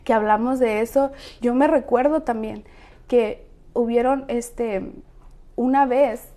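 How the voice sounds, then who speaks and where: A woman's voice: on the high side, takes it slowly, warm tone. A middle-aged woman talking earnestly about faith and prayer, her voice rising with emphasis. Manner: earnest, emphatic, preacherly rises. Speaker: co-host of women's ministry talk. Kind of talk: casual faith talk.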